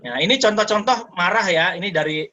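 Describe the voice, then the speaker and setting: Lively man teaching over a dull call line. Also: high-pitched, quick pace. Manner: lively, mixes in English terms, acts out quoted parents. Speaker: educator giving a talk. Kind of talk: online sharing session talk.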